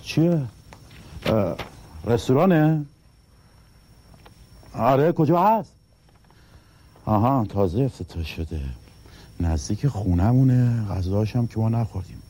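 A man playing a lively, husky good-natured husband. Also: medium pitch, pauses often, close to an everyday voice. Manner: boastful, exclaiming, teasing. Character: good-hearted middle-aged husband who never refuses favors. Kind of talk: comedy drama acting.

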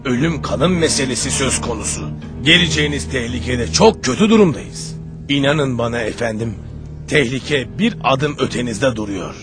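A man's voice: mid-range voice, natural voice. An actor playing a deferential vizier in a historical drama, pleading earnestly and formally with his prince.

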